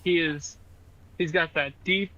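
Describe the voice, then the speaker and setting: A man's voice: on the high side, fairly even intonation, unhurried, pushed and bright, no room sound. A man bantering casually as a player in a tabletop game. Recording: dull lo-fi sound.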